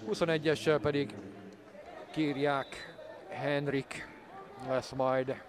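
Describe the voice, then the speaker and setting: A man giving measured live commentary on a football match. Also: fairly high pitch, little pitch movement. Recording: crowd noise from stadium. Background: stadium crowd.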